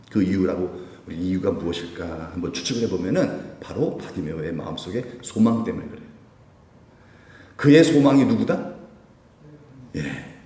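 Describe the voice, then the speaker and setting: Pastor, male, animated preacher with a warm low tone, recorded from a distance in a reverberant sanctuary. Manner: lively, asks the congregation questions. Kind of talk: sermon. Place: church sanctuary. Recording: echoey church hall, distant mic.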